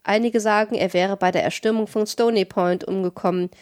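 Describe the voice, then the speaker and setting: A woman reading a storybook, voicing an old villager who calmly reports news of the dead and departed. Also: mid-range voice, brisk, dry recording, clean studio sound, lightly acted. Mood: matter-of-fact. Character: old villager with a thin, whistling voice.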